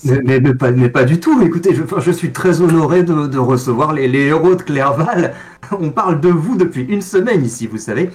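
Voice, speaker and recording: A man's voice: a little high, lively intonation, brisk, a little mellow, soft background music, lightly acted. A man voicing a polite, fussy village mayor who stammers courteously in a tabletop role-play. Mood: flattered.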